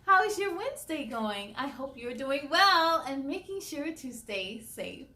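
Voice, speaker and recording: A woman hosting a children's story time reads a picture book aloud in an expressive, sing-song way, chatting with her young listeners. Her voice is high-pitched and her pace measured.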